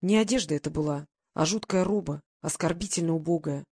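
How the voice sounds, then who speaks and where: A woman narrating a novel in a calm, even reading voice. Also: low-pitched, brisk, slightly rough. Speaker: audiobook narrator. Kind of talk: scripted narration.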